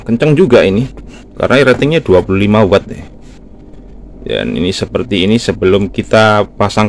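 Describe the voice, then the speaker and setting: A man with a low-sitting voice, recorded with a little hiss or hum, hosts his own YouTube channel. He casually and loosely shows a repair step by step, relaxed and chatty, with lots of fillers like "nah" and "nih."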